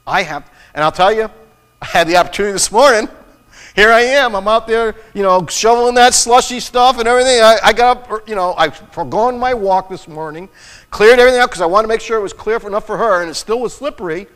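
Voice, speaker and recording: A man's voice: sits high, quick pace, a bit bright, in a large hall. A middle-aged man preaching a sermon in a church, telling a personal story in an earnest way with frequent restarts. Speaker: pastor. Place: church sanctuary.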